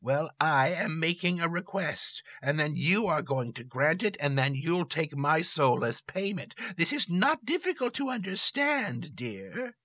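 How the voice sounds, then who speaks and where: A man voicing a calm, stern old woman who talks in a slow, firm and deliberate way. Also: on the high side, voice pushed up, exaggerated voice. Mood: coolly firm.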